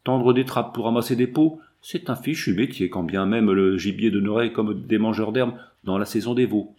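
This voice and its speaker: Man playing a vengeful old trapper, gruff, rough-spoken, storybook reading. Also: lowish voice, moderate pace, dark tone, close to an everyday voice. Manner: rough, coarse backwoods talk.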